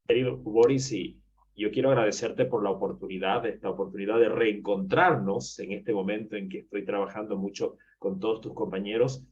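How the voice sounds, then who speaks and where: Interview host, lowish voice, halting delivery, muffled lo-fi sound. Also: male voice, a little mellow. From Bolivia. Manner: halting, restarts phrases often. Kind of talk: casual interview. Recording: dull lo-fi audio.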